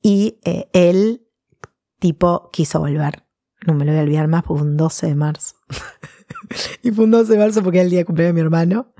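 A woman in her thirties with a Rioplatense Spanish accent, telling personal stories in a casual, animated way during an interview. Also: on the low side, a little fast, long pauses, dry recording, clean studio sound. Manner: chatty, animated storytelling with laughs.

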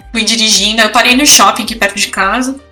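A woman's voice: fairly high pitch, moderate pace, pushed and bright, distant mic, faint music behind. A woman, co-hosting a podcast, telling personal stories in casual chat with lots of feeling. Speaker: podcast co-host.

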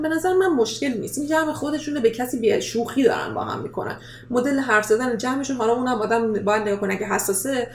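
A woman hosting a casual interview, talking in a lively way and dropping English words into her speech. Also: a little high, vocal fry. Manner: animated, mixes English words into Persian. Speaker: podcast host. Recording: roomy echo, faint noise.

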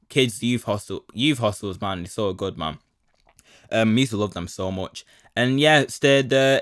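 A man's voice: lowish voice, dry recording, studio quality. A young man telling a rambling story on his podcast, full of slang and fillers. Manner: rambling, slangy, full of fillers and 'do you know what I mean'. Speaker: podcast host. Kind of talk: casual solo storytelling.

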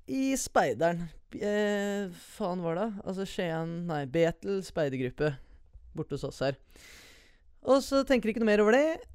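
A man's voice: high voice, clear, resonant tone, no echo, clean studio sound. A young man telling a personal story in a casual, profane way, slipping English slang into his sentences. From USA and Norway. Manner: profane, slangy, mixes English words into Norwegian.

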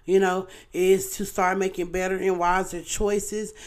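A woman's voice: lowish voice, little pitch movement, measured pace, darkish tone. Earnest, chatty woman talking to viewers. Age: adult parent. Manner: earnest, chatty, often asks "you know what I'm saying". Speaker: online show host. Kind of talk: casual heartfelt talk to viewers.

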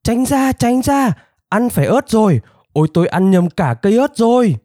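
A man's voice: high-pitched, big pitch swings, normal speed, dark tone, dry recording, studio quality, pitched above the performer's own voice. A man voicing a plump, frantic female elephant in a storybook, shrieking in panic. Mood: panicked.

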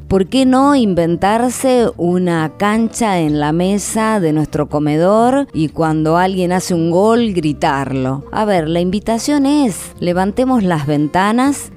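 Low, slow Argentine woman host. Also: mellow. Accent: Argentine Spanish. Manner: slow, reflective, repetitive phrasing. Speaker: radio host. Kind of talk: reflective monologue on radio.

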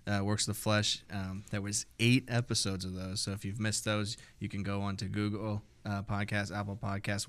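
A man's voice: on the low side, fairly bright tone, clear, resonant tone. A man hosting a church podcast, laughing easily and talking loosely with fillers. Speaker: podcast host. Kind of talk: casual chat.

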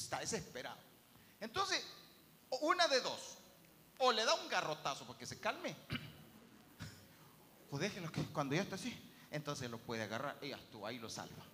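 A man preaching a sermon in a church hall, telling stories with lively acted-out voices. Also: on the high side, slight background noise. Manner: animated storytelling, acts out quoted voices.

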